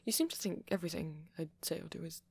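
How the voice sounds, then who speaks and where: A man voices a shy, apologetic young vampire in an intimate ASMR roleplay, speaking softly with a posh British accent and a hesitant stammer. His voice is a little high, fast, creaky and slightly rough, very animated and exaggerated.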